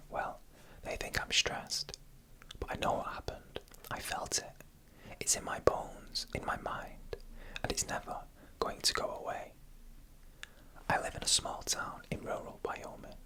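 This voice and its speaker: Whispering close to the microphone, the narrator and host spins scary stories in a hushed, breathy ASMR style, taking a slow and deliberate pace.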